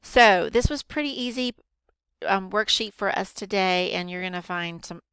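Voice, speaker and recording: A woman teacher patiently walking students through a grammar worksheet, slowing down to show careful reading. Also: mid-range voice, fairly bright tone, clear, resonant tone, no echo. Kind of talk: recorded grammar lesson for students.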